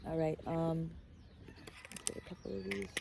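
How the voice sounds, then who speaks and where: Low gravelly woman doing a casual card reading. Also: fairly even intonation, moderate pace, background noise. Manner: emotional, rambling, heartfelt. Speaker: tarot reader.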